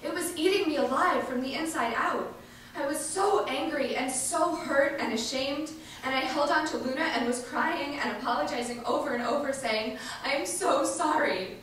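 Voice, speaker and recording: Her voice high-pitched and fairly bright, a woman gives a dramatic, emphatic, earnest reading of an activist's first-person testimony, pausing on purpose. The far-off microphone in a large event space catches an echoey hall with slight noise.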